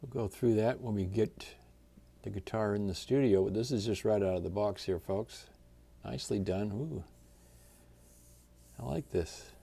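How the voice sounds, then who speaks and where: A man hosting a guitar channel, chatting in a relaxed, folksy way while unboxing a new guitar. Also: on the low side, unhurried, vocal fry, long pauses, husky. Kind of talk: casual unboxing vlog.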